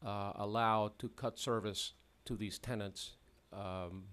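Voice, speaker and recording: A man's voice: fairly low pitch, fairly even intonation, fairly bright tone, smooth. Man presiding in a courtroom recording. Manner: measured, firm rulings with frequent "uh". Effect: courtroom hearing recording. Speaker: hearing magistrate. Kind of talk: formal hearing proceedings. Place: hearing room.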